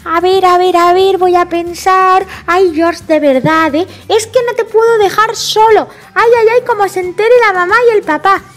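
A woman's voice: very high-pitched, steady tone, fairly bright tone, pitched above the performer's own voice. A woman with a Spain Spanish accent voicing a bossy little girl pig who scolds and fusses over her baby brother. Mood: scolding. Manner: scolding, fussing, quick sighs.

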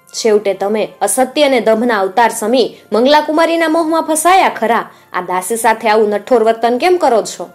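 A woman's voice: a little high, close to an everyday voice. A woman voicing a grieving young princess who reproaches her lost prince in a lamenting way.

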